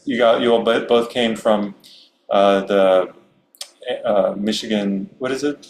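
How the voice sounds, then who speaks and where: A middle-aged man from Maryland speaking as a Zen priest, giving a relaxed, unhurried Dharma talk with many fillers and soft chuckles. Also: fairly low pitch. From Maryland, USA. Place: meditation hall. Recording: roomy hall with faint hum.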